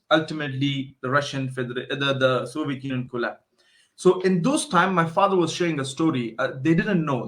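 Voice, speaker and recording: A man's voice: fairly high pitch, fairly bright tone. A man, a guest in a casual interview, explaining history and telling stories with frequent restarts. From Afghanistan.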